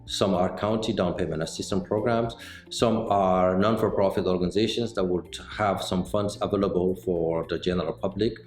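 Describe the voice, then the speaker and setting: A middle-aged man from Senegal answers interview questions about his work in banking. His voice sits very low, and he explains things carefully, stopping often on small hesitations. The sound is roomy, with soft music faintly underneath. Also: steady tone. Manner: measured, explanatory, with frequent "uh" pauses. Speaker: mortgage banker interviewee. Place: indoor office set with bookshelves.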